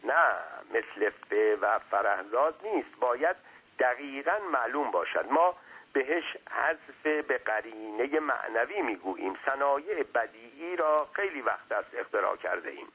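A man's voice: mid-range voice, lively intonation, bright, forceful tone, husky, voice pushed up, exaggerated voice, low-quality recording. A man voicing a small, talkative non-human servant who speaks deferentially and lectures at length. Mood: lecturing.

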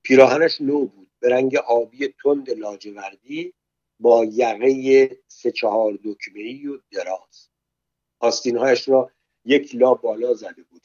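A man narrating a story aloud in a calm, measured way. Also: mid-range voice, dry recording, muffled recording.

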